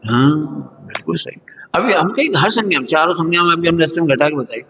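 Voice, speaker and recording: A man's voice: a little high, lively intonation, a little fast, fairly bright tone. A middle-aged man, a religious teacher, giving a homely sermon to students and talking to them like his own children. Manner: homely, conversational, addresses listeners as children. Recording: dull lo-fi hall recording with long reverb.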